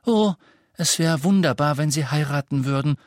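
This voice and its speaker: A man's voice: on the high side, normal speed, dry recording, studio quality, voice pushed up, lightly acted. A man voicing a delighted little girl whispering dreamily.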